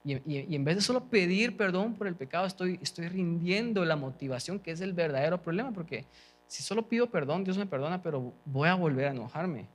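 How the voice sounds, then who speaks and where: A man's voice: high-pitched, animated, brisk. A young man preaching a sermon, talking to the congregation conversationally with frequent check-ins and restarts. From Guatemala.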